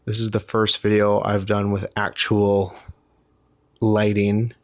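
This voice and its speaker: A man's voice: lowish voice, monotone, slow, no echo, studio quality. Tired man rambling to the camera. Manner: rambling and self-deprecating, with frequent restarts. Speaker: vlogger. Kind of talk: casual talk to camera.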